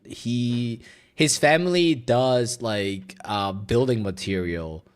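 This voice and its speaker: Reacting on a stream, a young native Mandarin speaker keeps the chat casual, rambling and profane, with plenty of filler. His mid-range voice has a clean tone, and he speaks at a slow pace.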